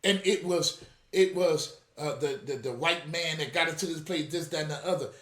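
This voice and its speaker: A man's voice: a little high, moderate pace, a bit bright, echoey room. A man hosting a religious commentary show, fiery and scolding, calling out to his audience directly. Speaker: apostle and show host. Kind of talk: reaction commentary.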